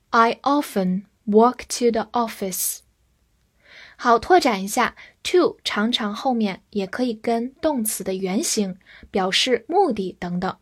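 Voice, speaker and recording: Slow, clear woman teaching vocabulary. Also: fairly high pitch. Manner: slow, clear, spells words letter by letter. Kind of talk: scripted vocabulary lesson.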